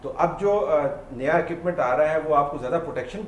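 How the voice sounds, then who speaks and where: A man's voice: a little high, reverberant, a little hiss or hum. A man hosting a TV talk show, asking guests playful, joking questions. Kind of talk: casual TV interview.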